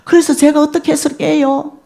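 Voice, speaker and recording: A woman's voice: high-pitched, little pitch movement, fairly quick, gravelly, dark tone. A woman in her sixties with a Gyeongsang accent, an evangelist telling a testimony in a sermon and acting out her own prayers. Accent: Gyeongsang Korean. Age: 60s. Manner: storytelling, acts out her own prayers, rising to tearful cries. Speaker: evangelist preacher.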